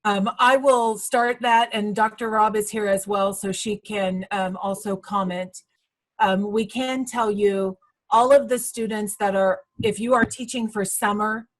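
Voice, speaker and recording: Measured woman answering questions on a call. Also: mid-range voice, poor audio. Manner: measured, informative, with frequent fillers. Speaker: college staff trainer. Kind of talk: video call training session. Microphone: video call.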